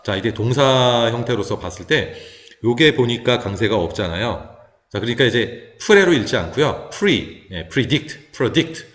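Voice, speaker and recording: A man who teaches high school English, explaining pronunciation step by step in a patient lecture style with many small fillers. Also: lively intonation, normal speed, a bit bright. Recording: echoey, reverberant room.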